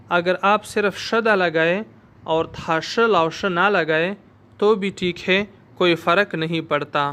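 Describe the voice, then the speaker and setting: A man whose first language is Urdu, teaching a language lesson and drilling words slowly one at a time for the listener to repeat. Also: sits high, a bit bright, clear, resonant tone. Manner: slow, careful word-by-word pronunciation drills. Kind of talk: slow spoken lesson with repeat-after-me drills.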